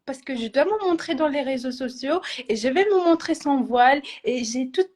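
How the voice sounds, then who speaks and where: A woman of Moroccan family raised in Italy, speaking French as a coaching participant, hesitant and halting, restarting her phrases. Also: high-pitched, animated, a little mellow. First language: Italian or Arabic. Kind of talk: personal conversation.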